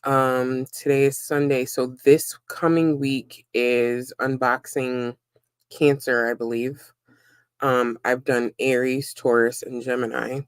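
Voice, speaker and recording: Woman, casual live-stream chat, rambling, many fillers, smooth, dry close sound. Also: a bass voice, flat delivery, slow pace, no room sound. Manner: chatty and rambling, many ums and likes. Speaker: livestreamer and web content creator.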